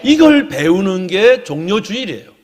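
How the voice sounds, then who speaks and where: Male pastor, sermon delivery, rasp in the voice, long church reverb, loud-to-whisper swings. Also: sits high, big pitch swings, moderate pace. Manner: swings between loud proclamation and hushed whispers.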